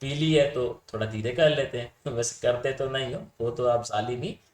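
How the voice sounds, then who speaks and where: A man's voice: mid-range voice, steady tone, normal speed, roomy sound. A man teaching a class, explaining points in a casual, chatty way and often checking whether his students follow. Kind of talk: Hindi-English lecture on communication theory.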